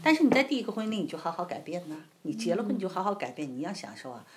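A woman giving an informal church talk on marriage, telling stories with lively emphasis and frequent laughter. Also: lowish voice, very fast, background noise. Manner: animated storytelling, laughs often. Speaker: church speaker.

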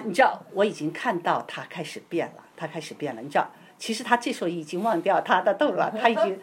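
Lively woman telling a healing testimony. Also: fairly low pitch, slightly rough. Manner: keeps asking "you know?", acts out voices. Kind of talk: animated testimony storytelling.

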